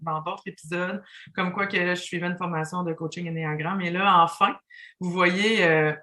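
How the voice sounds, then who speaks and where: A woman hosting a podcast, eager and quick to laugh. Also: on the low side, fairly even intonation, sharp tone. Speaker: podcast host. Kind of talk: casual chat.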